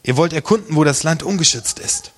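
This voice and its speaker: A man reading out the lines of a stern, powerful ruler who accuses his brothers, slow and harsh, with a husky voice. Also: a little high, voice pushed up. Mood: stern accusing.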